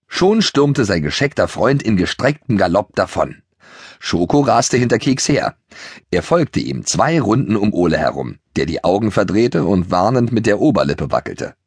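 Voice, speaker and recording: Deep, animated man reading a kids' story. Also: husky, no room sound. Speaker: audiobook narrator. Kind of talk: lively children's story reading. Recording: dry studio recording.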